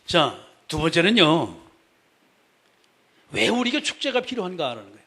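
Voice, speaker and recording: A man's voice: fairly high pitch, sing-song, normal speed, pushed and bright, breathy edge. A male pastor preaching a sermon in a conversational way, speaking straight to the congregation and repeating his key phrases for emphasis.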